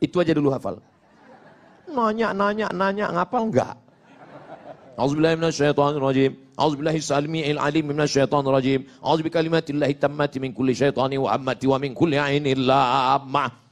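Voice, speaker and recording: The speaker is a middle-aged man from Indonesia whose voice is a little high and a little quick. His lighthearted Islamic sermon mixes jokey tales, acted-out exchanges, and chanted Arabic verses.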